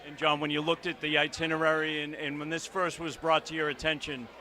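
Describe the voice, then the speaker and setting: A man's voice: a little high, level tone, a little fast, bright, forceful tone. A man reporting on site for local sports coverage, interviewing young players and thanking them in an upbeat, encouraging way.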